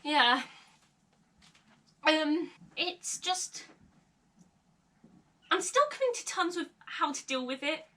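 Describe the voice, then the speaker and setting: Taking her time and pausing often, a young woman vlogs candidly from her bedroom in a sharp, high voice. An occasional stutter and nervous laughter come through in this personal, confessional talk. She is recorded on a camera mic a short distance away, so it sounds slightly distant.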